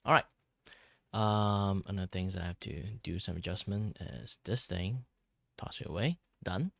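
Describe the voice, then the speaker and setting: Male streamer, lower-pitched voice, dry sound, casual chat, halting and rambling delivery, self-deprecating. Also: gravelly, fairly bright tone, dry recording. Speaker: livestreamer host, virtual video streamer.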